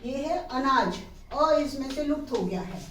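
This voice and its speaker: A middle-aged woman teacher with a slightly high voice takes her grammar lesson very slowly. She stretches out words for students to copy and keeps checking whether they follow. She sits back from the mic, and the room echoes around her. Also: lively intonation, a bit bright, distant mic, slight background noise. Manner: slow, drawn-out word-by-word pronunciation drills; checks in with students, asking "clear?". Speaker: Hindi teacher.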